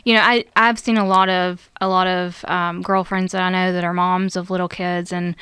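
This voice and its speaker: A woman with a very smooth, clear voice that sits a little low and moves in a narrow, steady range. She talks earnestly and reflectively in casual church chat, with frequent "um"s. The sound is dry and close to the mic. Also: normal speed, dry recording. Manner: earnest, thoughtful, many fillers. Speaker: church member, mother.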